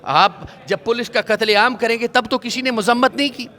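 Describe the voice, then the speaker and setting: A male religious scholar answering a reporter outdoors, speaking in a measured preaching cadence and citing scripture. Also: very high-pitched, pushed and bright. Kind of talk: street interview answers.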